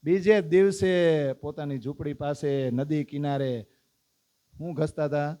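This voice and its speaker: A man's voice: fairly high pitch, unhurried. Man telling a devotional story. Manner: animated storyteller, asks listeners questions. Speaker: spiritual teacher.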